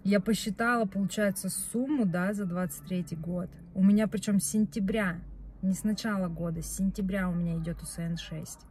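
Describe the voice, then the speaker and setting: A young woman vlogs from a parked car into a dashboard-mounted phone camera, talking fairly quickly in a chatty, rambling style with frequent self-corrections. Her medium-pitched voice has a steady tone and is a little mellow, with slight background noise.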